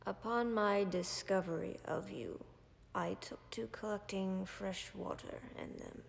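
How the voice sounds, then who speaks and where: For an audio roleplay aimed at a listener, a woman voices a calm, tender dragon who speaks with caring warmth. Her deep, gravelly voice is thick with fry; she talks very slowly and softly, often near a whisper, letting each line trail into a lingering reverb.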